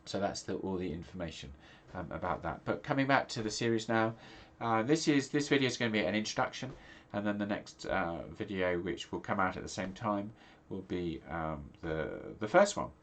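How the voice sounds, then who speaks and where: Here a middle-aged pastor from England talks to camera in a low, fairly bright voice with lively intonation. His pace is normal and pauses few, but the congested, nasal delivery rambles with lots of ums and false starts.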